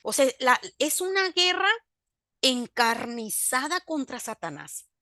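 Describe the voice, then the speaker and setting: A woman's voice: sits high, sing-song, slow pace, pushed and bright, dry recording, clean studio sound. A woman, giving a faith testimony in an interview, telling her story by acting out both sides of the remembered conversations and turning emphatic when she preaches.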